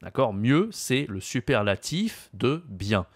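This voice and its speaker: A man with a French accent explaining French usage to learners, patiently repeating key phrases slowly. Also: medium pitch, very animated, no room sound, clean studio sound. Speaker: French teacher.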